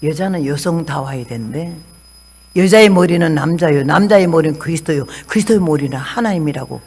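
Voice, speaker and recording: A woman's voice: low-pitched, brisk, slightly rough. A woman in her eighties, from Korea, preaching a testimony sermon as a missionary and telling stories animatedly. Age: 80s. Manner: animated storytelling, acting out quoted dialogue.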